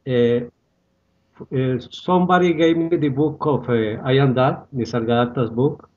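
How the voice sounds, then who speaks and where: A man in his sixties from Costa Rica with a Costa Rican Spanish accent, telling his story as an interview guest in halting English full of fillers. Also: medium pitch, darkish tone, highs cut off. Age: 60s. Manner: halting, many "uh" fillers and restarts. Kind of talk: casual interview, personal story.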